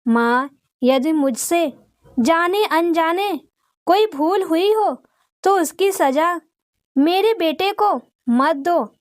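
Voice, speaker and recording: A woman's voice: very high voice, animated, slow, no echo, clean studio sound, heavily acted. A woman voicing a devout old village mother pleading tearfully with the goddess.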